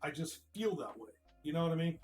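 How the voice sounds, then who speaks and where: A man's voice: on the high side, lively intonation, fast talker, darkish tone, soft background music. A man in casual group chat on a stream, rambling and restarting, acting out quoted dialogue as he goes. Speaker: community founder.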